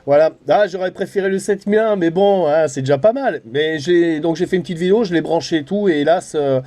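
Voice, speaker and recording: This middle-aged French CB radio amateur, who also vlogs, talks fairly quickly in a dark-toned voice with fairly high pitch. The conversation is a casual, colloquial chat over the radio.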